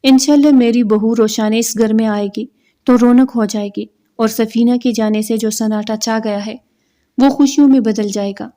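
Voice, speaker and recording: A woman's voice: a little high, fairly even intonation, mellow, natural voice. A woman reading a story aloud, voicing a stern, commanding father. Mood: gentle. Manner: firm, commanding. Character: stern fatherly older man, proud then furious.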